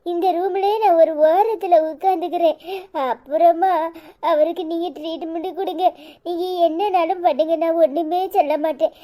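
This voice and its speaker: A woman's voice: extremely high pitch, steady tone, moderate pace, mellow. A woman with a Kanyakumari Tamil accent voicing a distraught young wife who pleads and scolds in a cartoon. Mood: pleading. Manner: pleading, then harsh scolding. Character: distraught young wife, fierce when angered. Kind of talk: cartoon voice acting.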